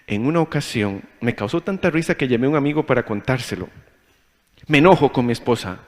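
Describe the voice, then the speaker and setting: A male pastor preaching a humorous marriage sermon, telling stories and acting out both sides of arguments with animated energy. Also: mid-range voice, fairly quick, big-room sound.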